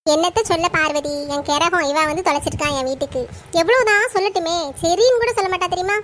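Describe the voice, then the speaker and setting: A very high, rapid voice of a scolding cartoon mother-in-law, acted by a woman. She grumbles and gives orders nonstop in Tirunelveli Tamil. A faint noise sits under the recording. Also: fairly bright tone. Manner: nagging, complaining, bossy. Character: scolding middle-aged mother-in-law Sornam, strict and grumbling.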